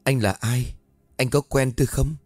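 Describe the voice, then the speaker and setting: A man's voice: medium pitch, fairly even intonation, moderate pace, no echo, faint music behind, lightly acted. A male narrator voicing a frightened young woman, his voice lifted and pleading. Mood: wary.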